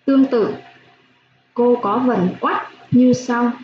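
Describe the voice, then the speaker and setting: A woman primary school teacher giving a slow phonics lesson for young children, spelling out sounds clearly with gentle instructions. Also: fairly high pitch, steady tone. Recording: echoey room, dull lo-fi sound, faint hiss.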